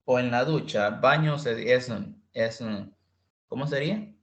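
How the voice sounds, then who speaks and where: A man teaching an online English class, repeating words slowly and quizzing his students. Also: mid-range voice, echoey room. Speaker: English tutor.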